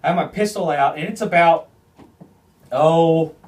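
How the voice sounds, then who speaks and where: A man hosting a podcast, telling a hunting story in a casual, animated way, swearing often and restarting his phrases. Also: fairly high pitch, a little slow, far from the mic. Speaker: podcast host.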